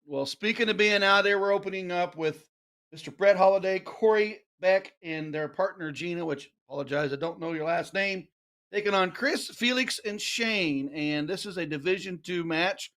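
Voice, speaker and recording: A man with a distinctly high voice and an Ozark accent. He works as a play-by-play host for darts, calling the match live and chatting casually with his co-commentator. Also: moderate pace, fairly bright tone.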